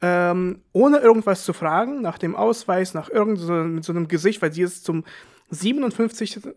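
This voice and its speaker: A man's voice: high voice, moderate pace. A young man co-hosting a podcast, chatting casually and telling wry anecdotes, often laughing. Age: young adult. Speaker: podcast co-host. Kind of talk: casual chat.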